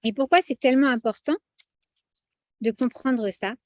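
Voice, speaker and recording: A woman teaching a lively religious lesson to an audience, chatty and animated, often checking in with the audience. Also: high voice, normal speed, no echo, studio quality.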